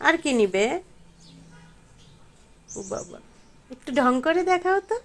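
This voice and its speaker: A woman, gently asking a toddler questions in a coaxing, sing-song home-video chat on a phone camera. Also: high-pitched, very animated, quick pace. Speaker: parent filming a toddler.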